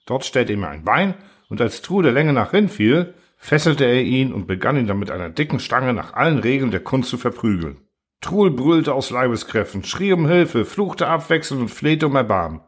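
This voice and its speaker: Male narrator, audiobook reading, lively pitch, mid voice. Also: moderate pace, husky. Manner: animated storytelling. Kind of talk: scripted narration.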